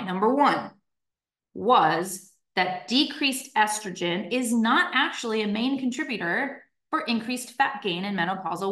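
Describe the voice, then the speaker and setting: A strength coach in her thirties talks to her online group in a mid-range, fairly bright voice. She's chatty and upbeat, with many fillers and tag questions like "right?", and the recording has a roomy echo.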